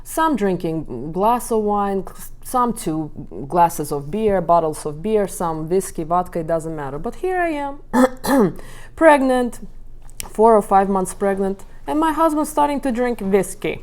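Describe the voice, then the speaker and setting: Storytelling woman coach, mellow voice. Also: medium pitch, unhurried. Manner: storytelling, animated acting out of quotes. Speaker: relationship coach. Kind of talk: talk to a live group.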